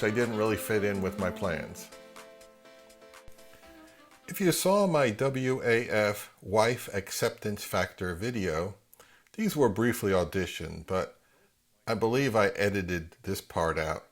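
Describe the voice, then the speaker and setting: A middle-aged hobbyist vlogger with a mid-range voice walks through a how-to demonstration. He keeps it casual, matter-of-fact and relaxed, like a conversation.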